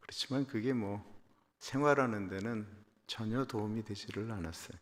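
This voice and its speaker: Korean-born pastor preaching in a reverberant church hall. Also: male voice, fairly low pitch, moderate pace. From South Korea. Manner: storytelling that builds from a quiet confessional tone to loud emphatic proclamation. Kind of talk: personal testimony sermon at a dawn service. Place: church sanctuary.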